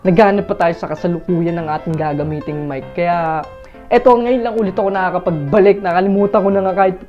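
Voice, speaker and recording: A man's voice: sits high, quick pace, dull audio, faint music behind. A man vlogging casually, rambling with lots of fillers and restarts while he talks straight to his viewers through an earphone mic. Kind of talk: casual chatty vlog.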